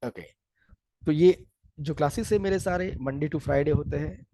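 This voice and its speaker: A man teaching English, explaining pronunciation and the course, and speaking slowly and deliberately when he switches to English. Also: a little high, mellow, dry recording, poor audio.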